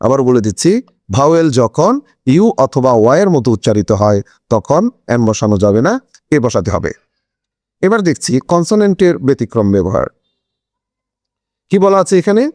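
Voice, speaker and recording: A man's voice: mid-range voice, very animated, normal speed, long pauses, a little mellow, no echo, clean studio sound. A man teaching an English grammar lesson in a video, explaining step by step and asking questions that he answers himself.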